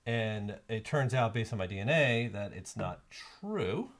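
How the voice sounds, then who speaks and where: A man's voice: on the low side, animated, unhurried, a bit bright. A middle-aged man chatting casually as co-host of a live board game stream, thinking aloud and rambling with fillers. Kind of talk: casual chat while playing a board game. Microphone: streaming mic.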